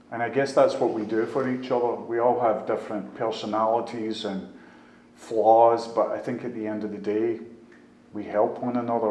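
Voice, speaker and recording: Speaking to a recovery group, a Scottish man in his fifties, from near Glasgow, gives plain, conversational personal testimony in that area's accent. His voice is fairly low with a darkish tone, recorded in an echoey room with faint noise in the background.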